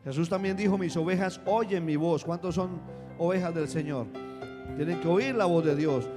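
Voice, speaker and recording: A man delivers a Sunday sermon in a high, ringing voice, rising to shouts at the peaks. His words echo through a large church hall while an instrument plays faintly underneath. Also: normal speed. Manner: preaching, swelling to shouts at climaxes. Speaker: pastor. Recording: long church reverb with music.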